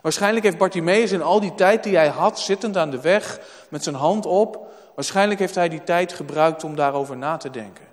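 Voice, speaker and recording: Male preacher, high voice, emphatic sermon, reverberant church hall. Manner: emphatic, repeats words for weight.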